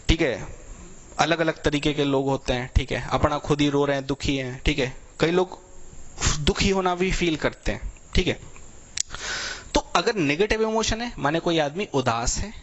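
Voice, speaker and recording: Chatty young male teacher, slightly high voice. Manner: explanatory, repeats "thik hai" constantly, tells everyday examples. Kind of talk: vocabulary lecture for exam students.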